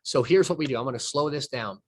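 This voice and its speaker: Going over game footage, a southern U.S. basketball coach explains each play patiently and folksily in a plain mid-range voice. He often pauses, trails off and restarts his sentences, and there's a little hiss or hum on the recording.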